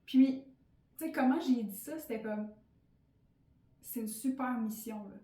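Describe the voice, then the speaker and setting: A woman's voice: on the high side, measured pace, dark tone. A woman with a Québécois French accent, a podcast host in her thirties, sharing a casual, candid personal monologue full of fillers. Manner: chatty and candid, many fillers. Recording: roomy, slightly distant mic.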